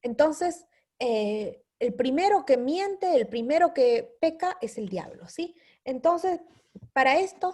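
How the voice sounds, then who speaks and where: A woman's voice: fairly high pitch, darkish tone. A woman teaching a Bible study lesson, explaining step by step and checking in with her listeners with a repeated "¿sí?".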